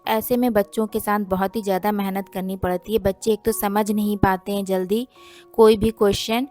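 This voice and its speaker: A woman in her thirties, a homemaker vlogging in a chatty, homely way, explaining things at length with plenty of fillers. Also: mid-range voice. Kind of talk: casual vlog narration.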